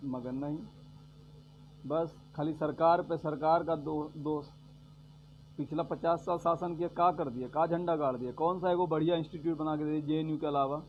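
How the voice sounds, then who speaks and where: A man delivers a sarcastic political rant, hammering the same points over and over. His voice sits a little high, and he swings from loud jabs to low mutters. The recording is dull and lo-fi, with a faint hum underneath. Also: steady tone, normal speed. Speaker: vlogger giving political commentary.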